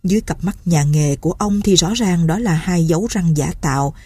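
A woman reading a village folk story aloud in a steady, measured way. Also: on the low side, slightly rough, no room sound. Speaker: narrator. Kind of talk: storytelling narration.

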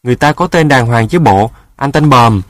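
A man's voice: mid-range voice, fairly quick, darkish tone, no echo, close to an everyday voice. A man voicing a proud, friendly boy of about twelve in a storybook, a bit boastful. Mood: cocky.

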